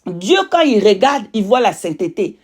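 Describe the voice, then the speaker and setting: A woman with a medium-pitched voice delivers a religious testimony in French with a foreign accent, as a non-native speaker. She preaches emphatically, repeating key phrases for weight. Now and then she pauses to search for the right word. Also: sing-song, a little mellow. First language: not French. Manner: emphatic, repetitive, pausing to search for words. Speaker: religious witness giving testimony.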